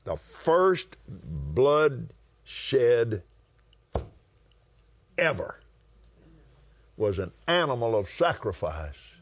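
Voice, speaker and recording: A West Texas man with a matching accent teaches the Bible in a conversational, preaching style, stretching out his phrases with emphasis. His medium-pitched voice is sing-song and slightly rough.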